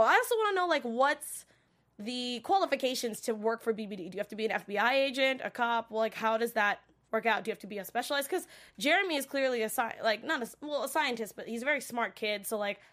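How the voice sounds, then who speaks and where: Still coughing as she gets over a cold, the host of a livestream show recap reacts to a show and reads out viewer comments. She has a slightly high, slightly bright voice and keeps things casual, rambling and using plenty of fillers.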